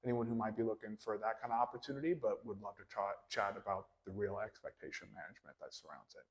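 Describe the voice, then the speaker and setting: A man's voice: fairly low pitch, fast talker. A young man, a realtor and event sponsor, chatting casually in an interview with lots of fillers. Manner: friendly, rambling with many fillers. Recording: long hall reverb.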